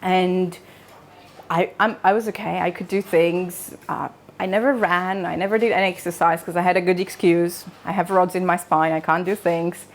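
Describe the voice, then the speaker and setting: Speaking at a normal pace in a low-leaning, steady voice, this woman from Transylvania, Romania, has a Romanian accent. Her informal public wellness talk centers on personal storytelling, with a conversational style, jokes on the side, and questions to the audience.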